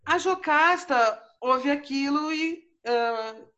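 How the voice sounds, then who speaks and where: A woman's voice: sits high, slow pace, pushed and bright, dull audio. Chatty woman retelling a myth. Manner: chatty, many fillers like né and tal. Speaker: podcast host. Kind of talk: casual storytelling.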